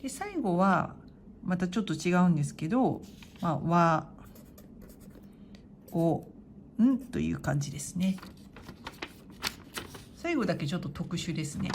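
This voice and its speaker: A woman teaching hiragana, calmly reading the kana one by one and explaining how to write them. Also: lowish voice, moderate pace, pauses often, a little hiss or hum. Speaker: Japanese teacher.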